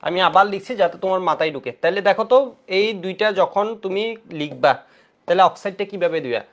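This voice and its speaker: A man's voice: high voice, expressive, fast. A man teaching an online chemistry lecture for exam prep, repeating key points again and again to drill his students.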